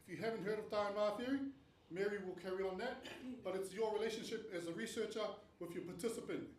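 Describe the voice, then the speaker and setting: Fast and high-voiced, this Tongan-raised man is presenting to an academic panel about the stages of research. His delivery is earnest and explanatory, peppered with rhetorical questions, and the distant mic picks up a roomy panel venue room with slight noise.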